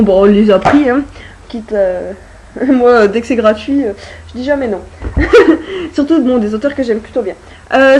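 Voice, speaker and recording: A woman's voice: on the high side, a little mellow, slight background noise, poor audio. A young woman vlogger chatting casually about her books, full of hesitations and fillers. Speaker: book vlogger. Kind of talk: casual chat.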